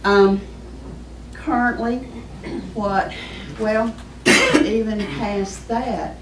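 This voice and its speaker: A woman presenting to an audience as a small business adviser, folksy and emphatic, her voice hoarse as she keeps clearing her throat. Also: medium pitch, fairly even intonation, drawn-out words, very noisy. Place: meeting room with an audience. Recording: echoey room from far off.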